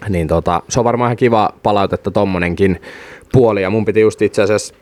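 A man, co-hosting a podcast in casual chat. His voice is very low, and the recording is dry and close with no room sound. He talks in a wry, teasing way. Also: steady tone, a little mellow, no room sound. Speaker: podcast co-host.

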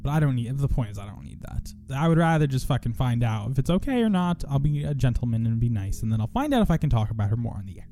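A man's voice: mid-range voice, animated, fast, few pauses, mellow, soft background music. A young man hosting a podcast in casual chat, rambling, swearing and poking fun at himself. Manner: profane, rambling, self-mocking. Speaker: podcast host.

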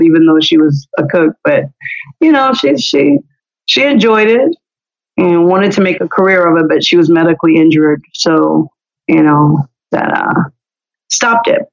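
A woman's voice: lowish voice, moderate pace, gravelly. A woman in her forties, a singer, chatting as a podcast guest in a loose, rambling way. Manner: rambling, many "you know" fillers. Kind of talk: casual interview chat. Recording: slightly dull lo-fi audio.

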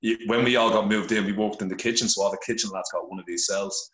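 A man's voice: lowish voice, steady tone, quick pace, fairly bright tone, roomy sound, poor audio. A middle-aged Irish man with a blunt, earnest manner and heavy swearing, telling his story as a podcast guest over a phone. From Ireland. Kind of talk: candid conversational storytelling. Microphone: phone held to face.

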